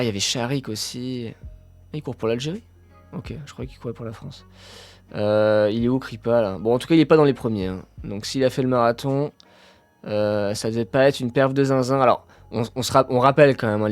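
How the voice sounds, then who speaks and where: A man hosting a casual live stream about athletics, talking with his chat, full of fillers and sudden excited bursts. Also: mid-range voice, dry recording.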